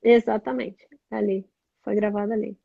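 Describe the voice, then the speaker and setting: A woman's voice: mid-range voice, flat delivery, normal speed, gravelly, slightly rough, no room sound, narrow, tinny audio. A woman from southern Brazil, a blogger and tour guide, chatting as an interview guest and explaining things with many tag questions. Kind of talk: casual interview over a call.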